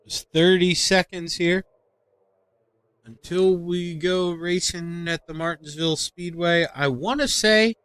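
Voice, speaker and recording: Excitable bright-voiced racing commentator man. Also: high voice, dry recording. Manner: excitable, rises to shouts on quick laps. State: hiccups. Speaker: race commentator. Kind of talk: sim racing play-by-play commentary.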